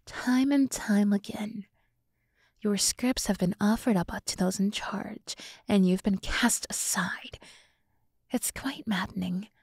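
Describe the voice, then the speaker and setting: Speaking close to the microphone in a gentle half-whisper, a woman plays a seductive, mocking demoness who has been called up to serve a human. Her husky, mid-range voice moves with slow, patronizingly calming deliberation in this ASMR piece, and there's no room sound at all.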